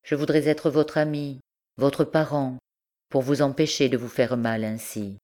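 A woman's voice: extremely low pitch, fairly even intonation, a little slow, dark tone. A woman reading an audiobook voices an earnest, emotional young man in love, in her own plain voice. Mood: pleading.

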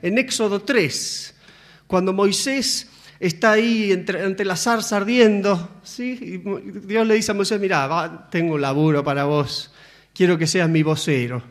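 A man's voice: high-pitched, unhurried. A man delivers a sermon as if talking with friends. He slips in and out of the voices of biblical figures and keeps checking in with his listeners. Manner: conversational, acts out biblical dialogue with frequent tag questions. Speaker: preacher.

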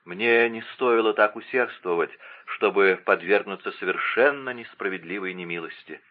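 A courteous young count, restrained and tender, hiding his love behind formal respect, as a male reader gives him voice. The voice is low and even, with a dull, lo-fi sound. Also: moderate pace, lightly acted.

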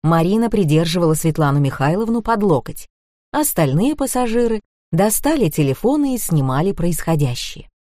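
A woman narrating an audiobook in a lively, expressive reading. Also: on the low side, normal speed, no room sound, clean studio sound.

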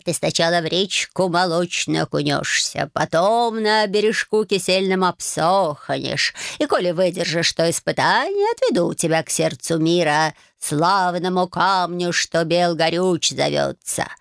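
A woman voicing an ancient, proud male magic cat who speaks slowly and haughtily and slips meows in between his words. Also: lowish voice, lively intonation, gravelly, no echo, studio quality. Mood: sing-song. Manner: slow, drawn-out, haughty, with meows. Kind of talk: audiobook character voice.

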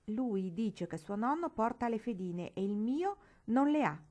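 A proud young boy grumbles about his grievances in an aggrieved, complaining tone, as a woman reading a storybook puts him on. The voice stays mellow and soft-edged. He sounds hurt and indignant. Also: fairly high pitch, animated, a little slow.

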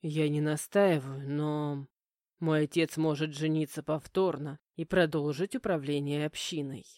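Brief: woman voicing a cold domineering young heir, low and warm-toned, curt and calm. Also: a little slow, dry recording, studio quality. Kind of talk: audiobook character voicing.

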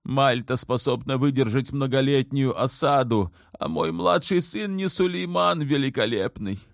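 A man's voice: medium pitch, normal speed, vocal fry, no room sound, studio quality, voice pushed up, lightly acted. A man voicing the sultan's mother in an audiobook, an older woman who speaks firmly and measuredly, clipped when pressed. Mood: stern. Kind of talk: audiobook character voice.

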